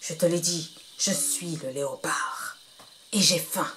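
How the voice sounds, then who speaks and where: A woman voicing a hungry, menacing male leopard in a slow, low drawl. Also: pushed and bright. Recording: music playing behind.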